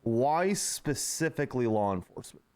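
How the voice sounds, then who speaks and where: A man conducting a casual role-play job interview in a relaxed, easygoing way. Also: mid-range voice, moderate pace. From America. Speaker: police interviewer.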